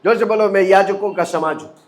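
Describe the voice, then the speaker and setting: A man's voice: high-pitched, fairly quick. A man pastor from India preaching a sermon, asking the congregation questions and leading call-and-response.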